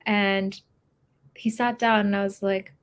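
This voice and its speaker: A young adult woman co-hosting a podcast, telling stories in a lively, casual way and laughing easily. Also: mid-range voice, takes it slowly, clear, resonant tone. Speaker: podcast co-host. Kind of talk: casual chat.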